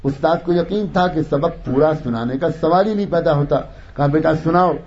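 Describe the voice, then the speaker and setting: A man's voice: on the high side, expressive, darkish tone, slightly rough. A man telling a moral tale in an emotive, dramatic storytelling manner. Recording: dull lo-fi recording.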